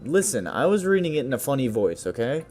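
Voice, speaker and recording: A man's voice: medium pitch, very animated, brisk, a little mellow. A man hosting a let's play, reading the narration and cracking wry jokes between lines. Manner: joking, wry asides. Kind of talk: casual game commentary and narration.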